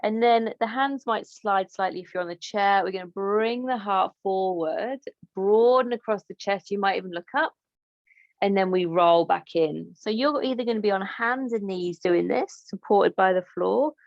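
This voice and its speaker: A woman yoga teacher from England guiding a class with gentle, encouraging instructions and chatty asides. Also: medium pitch, moderate pace, vocal fry, dry recording, dull audio.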